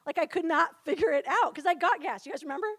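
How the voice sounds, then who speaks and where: A woman's voice: extremely high pitch, fast talker, a bit bright. A young woman in her twenties speaking at a retreat, telling a humorous personal story in a chatty way, full of "like" and frequent laughter.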